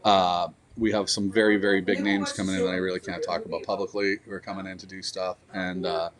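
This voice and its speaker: A man's voice: deep voice, flat delivery, fast talker, a crowd in the background. Earnest man on a remote call. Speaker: festival promoter guest. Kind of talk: casual interview chat.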